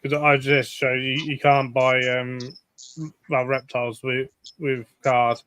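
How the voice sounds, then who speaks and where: A man chatting casually on a live stream, explaining in a relaxed, meandering way. His voice is bright and forceful, recorded dry with no room sound. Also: mid-range voice, takes it slowly, clean tone, dry recording, poor audio. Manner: relaxed, explanatory, with fillers and restarts. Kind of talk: casual chat.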